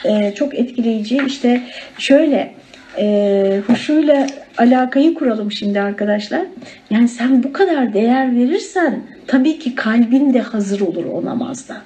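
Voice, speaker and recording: A woman's voice: a little high, expressive, normal speed, warm tone, rough recording. A woman teaching a religious study circle in a conversational way, often turning to her listeners as friends. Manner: conversational, addresses listeners as friends, many fillers.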